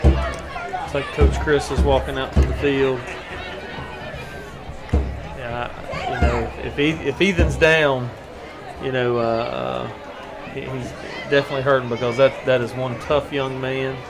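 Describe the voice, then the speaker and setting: Male color commentator, mid-pitched, conversational and halting, with loud stadium music and crowd behind. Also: fairly even intonation. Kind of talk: casual football analysis. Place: outdoor football stadium.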